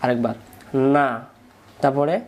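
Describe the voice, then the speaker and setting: A man's voice: medium pitch, steady tone, a little slow, gravelly. A man with a Bangladeshi Bengali accent teaching Quran recitation rules, patiently drilling syllables and asking his pupils to repeat after him. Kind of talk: spoken lesson with call-and-repeat drills.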